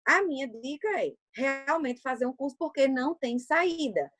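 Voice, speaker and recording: A woman's voice: high voice, lively intonation, moderate pace, fairly bright tone, dry recording. A middle-aged woman from Brazil, a public speaking coach and guest, explaining her craft in a didactic way and asking and answering her own questions. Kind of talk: explanatory talk on a livecast.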